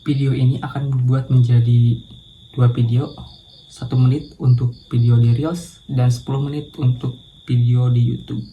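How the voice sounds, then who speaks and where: A man's voice: medium pitch, level tone, normal speed, muffled recording, slight background noise. A man talking to camera in a casual practice monologue, hesitant and thinking aloud with self-corrections, with crickets chirping behind. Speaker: vlogger doing a speaking challenge.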